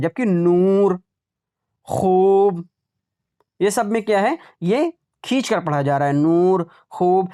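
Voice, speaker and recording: A male teacher with a high voice runs an exam-prep lesson, repeating words aloud to drill pronunciation and asking questions that he answers himself.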